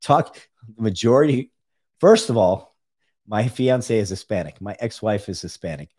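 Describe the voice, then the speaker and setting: On a podcast, a middle-aged guest with a lowish, slightly mellow voice and a breathy edge sounds animated while talking at normal speed. He spins his stories with emphasis in relaxed conversation, frequently dropping in "right."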